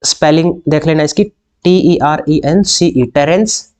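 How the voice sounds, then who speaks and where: A man from India tutoring literature students for an exam. He reads each English question slowly and deliberately, then explains it briskly and keeps checking in with rhetorical questions. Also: fairly high pitch, darkish tone. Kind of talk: exam-prep lecture mixing Hindi and English.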